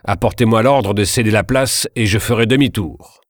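A man's voice: fairly low pitch, normal speed, dry recording, clean studio sound, pitched above the performer's own voice, close to an everyday voice. A man voicing a proud male French officer who firmly refuses an angry crowd.

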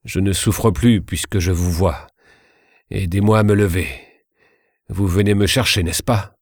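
A man voicing a weak, wounded male prisoner who speaks quietly and calmly. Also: sits low, unhurried, no room sound, studio quality. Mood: resigned.

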